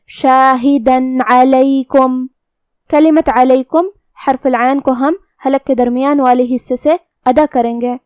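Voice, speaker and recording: A woman's voice: sits high, fairly even intonation, warm tone, dry recording, studio quality. A woman teaching Quran recitation rules, explaining each rule step by step. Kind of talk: tajweed lesson with slow recitation.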